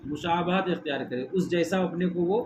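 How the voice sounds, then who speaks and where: A middle-aged man, teaching a religious lesson in a hall. He keeps asking his listeners questions and has them repeat phrases back. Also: fairly high pitch. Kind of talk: religious lesson with call-and-response. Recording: muffled with steady background noise.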